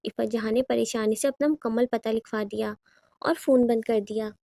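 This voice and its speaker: A woman's voice: fairly high pitch, steady tone, creaky, warm tone, dry recording, studio quality. Woman narrating a horror audiobook.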